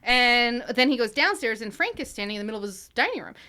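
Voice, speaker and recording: Bright-voiced woman recapping a film. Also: fairly high pitch, very animated, fast talker. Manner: recounts scenes, acts out quotes. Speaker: podcast co-host. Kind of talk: casual movie recap chat.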